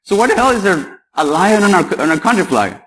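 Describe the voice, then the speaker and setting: A man's voice: high voice, sing-song, brisk, fairly bright tone, poor audio. Joking man from Paraguay. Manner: joking, chatty, quizzes the audience. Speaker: conference speaker. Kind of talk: security conference talk. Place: conference hall.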